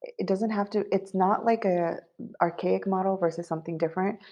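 A woman's voice: mid-range voice, fairly even intonation, fairly quick, warm tone. A woman guest on a podcast interview, speaking with confident, assured, spiritual phrasing. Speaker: guest, business coach.

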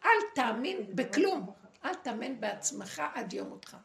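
A woman giving a dramatic, preachy spiritual talk to a group, with pointed pauses. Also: a little high, sing-song, gravelly, a crowd in the background. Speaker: spiritual teacher. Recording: echoey room, faint noise.

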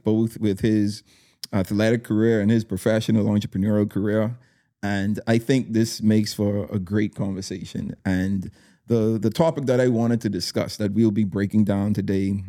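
Man, podcast host, deep mellow voice, energetic chatty intros. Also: no echo, clean studio sound. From Bahamas. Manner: upbeat, hype-style welcomes, lots of fillers and restarts. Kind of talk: casual podcast hosting.

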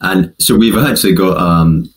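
A man with a Scottish accent, a podcast guest talking about his company in a monotone, halting way with many restarts. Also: low voice. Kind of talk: casual interview chat.

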